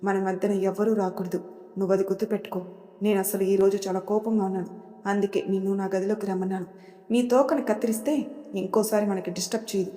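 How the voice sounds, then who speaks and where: Angry bossy husband from an audio story, woman doing it, mellow voice, echoey room. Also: medium pitch, fairly even intonation, fast talker, close to an everyday voice. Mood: possessive. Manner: scolding, commanding. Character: harsh possessive young husband, quick to anger.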